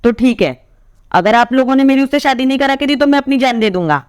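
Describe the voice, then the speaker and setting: Give me a woman playing a defiant young man who insists on marrying the girl he loves, in a smooth, clear voice. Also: high voice, expressive, brisk, no echo, clean studio sound, pitched above the performer's own voice. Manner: earnest, insistent, pleading. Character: stubborn young man in love, defiant toward his sister.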